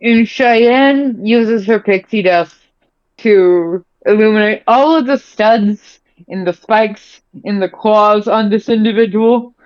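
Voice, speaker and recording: Over a dry, slightly dull microphone with no room sound, a woman speaks at medium pitch and a slow pace. She's playing a tabletop game, role-playing and narrating casually, frequently hesitant and repeating herself.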